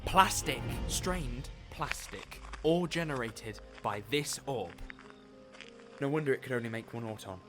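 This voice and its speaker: A man voicing an eccentric alien time-traveling detective in an audio drama, witty and showy. His pitch sits in a middle register. He unspools his deductions with theatrical relish. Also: lively intonation, fairly bright tone, faint music behind. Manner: theatrical, quick-witted, fond of grand explanations. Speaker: lead character. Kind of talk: fan audio drama acting.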